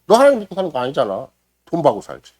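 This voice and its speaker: A middle-aged man preaching a Sunday morning sermon, dramatically acting out quotes and swinging between loud exclamation and hushed near-whisper. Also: a little high, wildly swooping pitch, rapid-fire, slightly rough, dry recording. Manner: acts out quoted voices and prayers dramatically. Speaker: pastor. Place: church sanctuary.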